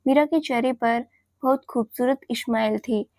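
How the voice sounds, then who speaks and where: A woman narrates a romantic serial story in an even, unhurried way. Her voice sits a bit high and sounds dry and close, with no echo. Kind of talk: scripted audio-story narration.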